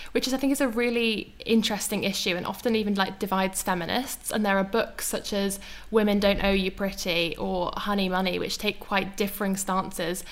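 A young woman hosting a casual podcast discussion. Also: medium pitch. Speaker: podcast host.

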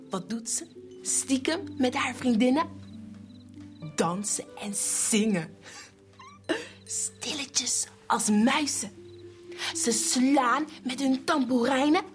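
A woman narrating a Bible story for children, switching between hushed whispers and lively character voices. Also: high voice.

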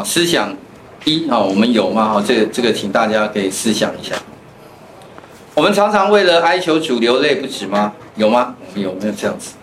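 A man's voice: mid-range voice, fairly bright tone. A male pastor, teaching a Bible class in a chatty way with personal stories. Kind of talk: conversational Bible lesson with anecdotes. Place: church classroom. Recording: echoey room with faint noise.

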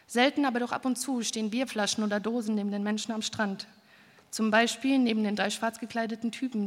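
Woman narrator, fairly high voice, calm literary reading, long reverb around her. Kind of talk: literary first-person reading.

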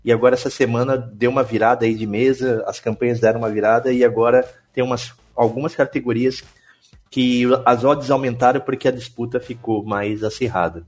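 Brazilian man giving casual, halting commentary. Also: medium pitch, steady tone, darkish tone, faint music behind. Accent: Brazilian Portuguese. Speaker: podcast guest and film betting writer.

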